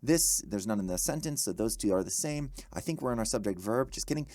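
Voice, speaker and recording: A man tutoring for a test, thinking aloud as he works practice questions, correcting himself often and tossing in quick exclamations. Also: fairly low pitch, dry recording, studio quality. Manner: animated, self-correcting, quick asides and exclamations.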